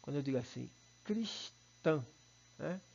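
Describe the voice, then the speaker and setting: Brazilian male teacher, slightly high gravelly voice, patient explainer, dull recording. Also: normal speed, a little mellow. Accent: Brazilian Portuguese. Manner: explanatory, checks in with students. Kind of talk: recorded online lesson.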